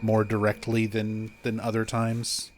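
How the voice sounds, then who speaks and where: A man's voice: fairly low pitch, completely flat delivery, a little slow, soft background music. A man giving casual playthrough commentary as a game streamer. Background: faint game ambience.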